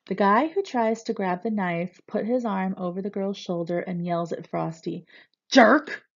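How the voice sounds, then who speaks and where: Woman, reading a novel aloud, steady expressive storytelling, mid-pitched voice, slightly dull lo-fi audio. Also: normal speed, gravelly. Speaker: reader.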